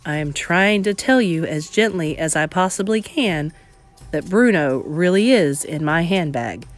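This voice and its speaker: A composed elderly grandmother speaks in a lowered, measured voice, a woman reading her lines. She stays firm and patient in a storybook telling. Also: lively intonation, faint music behind. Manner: low, measured and unflappable.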